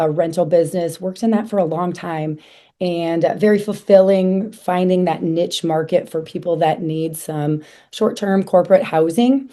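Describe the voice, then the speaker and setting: A hoarse woman in her forties from South Dakota talks as a podcast guest, her voice lowish and dark. She chats easily, often restarting and filling pauses with little words. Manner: chatty, many fillers and restarts. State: hoarse from a cold. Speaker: guest, association leader. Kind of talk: casual interview chat.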